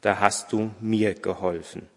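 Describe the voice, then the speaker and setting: A man reading aloud as a gentle divine voice, hushed and solemn, in a reverberant church. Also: on the low side, fairly even intonation, unhurried.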